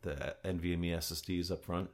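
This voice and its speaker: A man with a very low voice hosts a casual podcast. He talks conversationally, with some hesitation and a joking streak. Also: fairly even intonation, a little fast, darkish tone. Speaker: podcast host.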